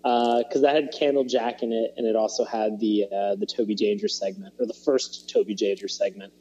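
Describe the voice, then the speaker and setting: A man's voice: fairly low pitch, steady tone, brisk, mellow, breathy edge, muffled recording. A man on a podcast chatting casually, rambling with many fillers and restarts and laughing as he retells scenes. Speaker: podcast co-host. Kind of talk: casual chat.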